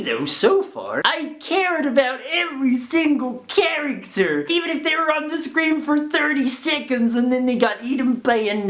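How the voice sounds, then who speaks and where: A man playing a manic, childlike male hobo who reviews a show and swings between shouting and mopey mumbling. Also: extremely high pitch, vocal fry, heavily acted. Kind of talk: comedy review in character.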